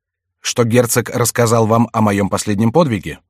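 A man's voice: fairly low pitch, steady tone, normal speed, dry recording, clean studio sound, lightly acted. A man voicing a grim, stern count who answers coldly and guardedly.

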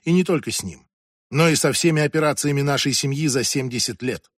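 A woman's voice: very deep voice, brisk, no room sound, clean studio sound. A man reading an audiobook and voicing a strict, imperious ex-senator in her eighties who talks in a commanding, impatient way. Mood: lecturing. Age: 80s. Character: strict imperious old woman, former senator.

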